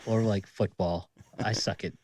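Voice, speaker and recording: A man in his thirties with a Boston accent chats as a podcast guest. He tells stories with lively energy and swears easily. The recording is dry and close. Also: on the low side, measured pace, no echo. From Massachusetts. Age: 30s. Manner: lively storyteller, swears casually. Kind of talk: casual chat.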